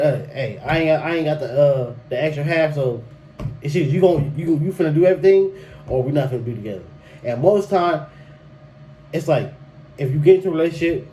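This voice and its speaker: On his solo podcast, a young host gives relationship advice in a warm voice on the high side, talking loosely with lots of repetition, emphatic restarts, and slang such as "bruh." The recording is low-quality, with faint noise in the background.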